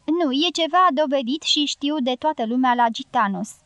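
A woman's voice: high voice, a bit bright, dry recording. A woman voicing a bossy, snapping older matriarch. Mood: gruff. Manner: curt, scolding retorts.

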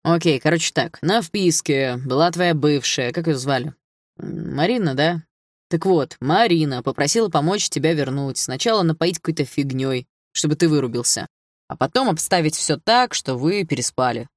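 A man's voice: on the high side, expressive, moderate pace, dry recording, clean studio sound, lightly acted. A man reading an audiobook voices a nervous young man who rambles out slangy, pleading excuses.

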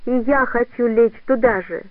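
A desperate young village woman begs and cries out in a heightened, higher voice, as a male narrator puts her on. The sound is tinny and phone-like, dry and close. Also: normal speed, dry recording. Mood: desperate pleading. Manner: pleading, sobbing outbursts.

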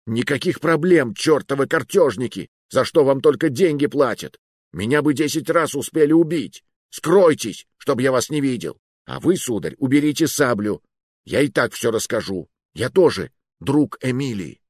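A preening, snobbish clerk speaks in a slow, condescending drawl, as a male narrator puts him on. His voice sits low but swoops widely. The recording is dry and close. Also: big pitch swings, darkish tone, no echo, heavily acted. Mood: shrill indignant. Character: haughty, snooty male clerk, dandyish.

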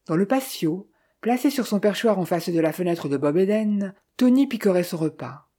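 An audiobook narrator reading a detective novel in a measured, even way. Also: mid-range voice.

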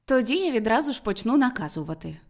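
A woman's voice: a little high, fast talker. A woman voicing a refined young woman in an audiobook, reproachful and pleading. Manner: reproachful, pleading, raised and lively. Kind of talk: audiobook character reading.

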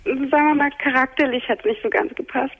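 Female radio caller, fairly high voice with vocal fry, casual, on a dull phone connection. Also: brisk, no room sound. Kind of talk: casual personal talk. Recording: dull telephone line.

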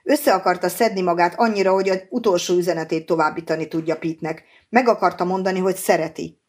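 A woman reads a novel aloud as the audiobook narrator. Her voice is slightly low, and her storytelling stays even and clear. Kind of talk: scripted narration.

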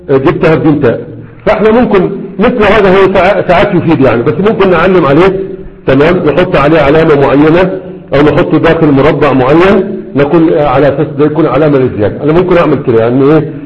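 A man's voice: on the high side, highs cut off. A man with an Egyptian Arabic accent teaching a grammar lesson to students, repeating patterns and often checking they understand.

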